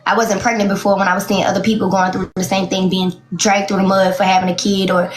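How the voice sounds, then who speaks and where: Blunt candid woman in her late 20s, mid pitch, laughs a lot, echoey room. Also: little pitch movement, fast talker. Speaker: interviewee. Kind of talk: casual interview chat. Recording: roomy echo.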